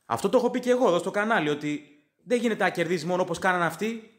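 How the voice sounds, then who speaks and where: A man, a native English speaker, hosting a podcast and reading fan comments out loud, sarcastic and opinionated. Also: high-pitched. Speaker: podcast host.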